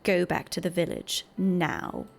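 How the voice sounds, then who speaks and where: A woman's voice: on the low side, huge pitch swings, unhurried, vocal fry, soft background music, heavily acted. A woman voicing a protective teenage boy from a video game, bitter and weary, with a grave, pleading delivery. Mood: stern. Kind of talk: reading video game dialogue.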